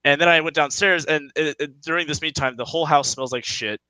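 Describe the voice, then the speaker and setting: A young man in his twenties, a podcast co-host, telling a story in casual chat, animated and swearing as he acts out quotes. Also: on the high side, fairly quick, clean tone, no echo, low-quality recording.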